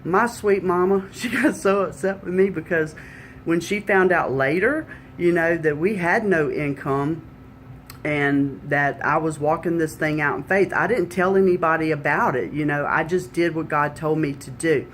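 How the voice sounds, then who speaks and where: At a moderate pace, a middle-aged woman tells her faith testimony plainly and conversationally. She earnestly retells past conversations, often adding "you know," with a faint low rumble behind her.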